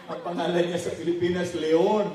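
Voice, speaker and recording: Pastor man cracking jokes, keeps laughing and squeaking up for the characters, kinda high voice, far off in a big echoey church. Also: flat delivery, moderate pace, mellow. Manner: playful storyteller, laughing often, jumping into high voices for characters. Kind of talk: joke-telling during a church anniversary talk. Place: large church hall. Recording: distant mic in a very echoey hall.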